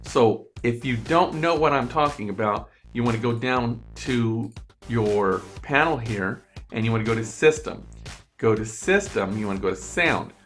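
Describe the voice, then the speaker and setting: A man's voice: mid-range voice, animated, normal speed, fairly bright tone, soft background music. A man explaining a computer task step by step in a screen-recorded tutorial, repeating himself as he goes, on a desk microphone at his computer. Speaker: online tutorial presenter. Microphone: USB desk microphone.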